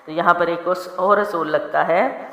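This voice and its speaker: A woman teaching tajweed rules, spelling out letters and vowel marks and drawing out the recited words slowly, often asking if her listeners follow. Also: fairly low pitch, sharp tone. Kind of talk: tajweed lesson. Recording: echoey room with long reverb.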